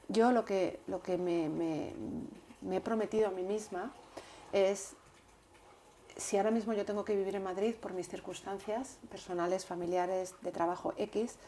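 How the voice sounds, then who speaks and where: A woman guest in an interview, talking earnestly and in a measured way, often repeating words while she thinks. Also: medium pitch, mellow, slight background noise. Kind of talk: reflective interview talk.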